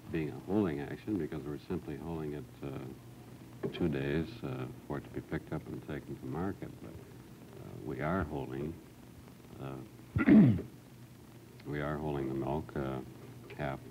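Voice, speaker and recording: Middle-aged male farmer, very deep, plain-spoken panelist; hissy 1960s studio film. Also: steady tone, measured pace, long pauses. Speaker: dairy farmer. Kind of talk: TV panel discussion. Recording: 1960s TV film sound with clear hiss.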